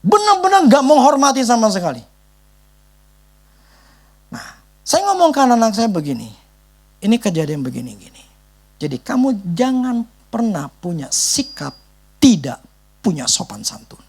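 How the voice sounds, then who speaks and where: Brief: male pastor, lively swooping pitch, chatty emphatic sermon delivery. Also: moderate pace, vocal fry, pauses often. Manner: emphatic, conversational, repeats "gitu loh".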